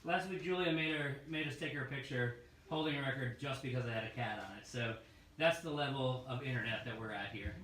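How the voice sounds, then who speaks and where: A man hosting a live record-store showcase, pitching albums in a loose, joking, sometimes profane patter. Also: a little fast, a bit bright. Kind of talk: casual live product showcase. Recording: roomy, distant mic with faint noise.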